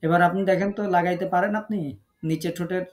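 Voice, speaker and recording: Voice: medium pitch, fairly even intonation, fast. Patient teacher quizzing students online. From Bangladesh. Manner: patient, questioning, corrects pronunciation step by step. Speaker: Quran recitation teacher. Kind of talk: online class instruction. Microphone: online video call.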